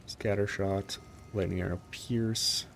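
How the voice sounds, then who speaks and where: A man's voice: deep voice, fairly even intonation, slow, gravelly, a little hiss or hum. A man streaming a video game, thinking aloud in casual, hesitant commentary.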